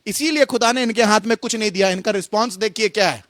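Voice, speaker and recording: A man with a strikingly high voice delivers a sermon as a pastor. He tells stories with animated acted-out dialogue, and the sound is close and dry. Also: fast talker, no echo. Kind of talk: Hindi sermon.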